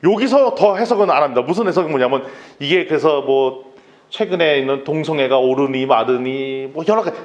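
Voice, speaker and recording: A man preaching a sermon as pastor, telling stories and acting out quoted dialogue. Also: a little high. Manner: lively storytelling, acts out quoted dialogue.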